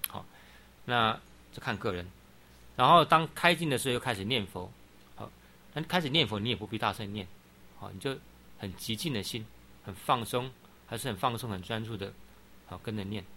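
Bright-voiced man giving a dharma talk. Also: lowish voice, lively intonation, fairly quick, long pauses. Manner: frequent "好" interjections, patient explaining. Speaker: Buddhist teacher. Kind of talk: dharma talk answering questions.

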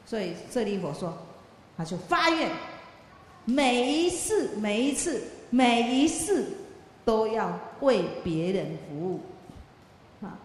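A woman giving an animated Buddhist talk to children, full of rhetorical questions and drawn-out fillers. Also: fairly high pitch. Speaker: Buddhist teacher speaking to children. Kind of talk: Dharma talk with a told story. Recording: very echoey hall with faint background hum.

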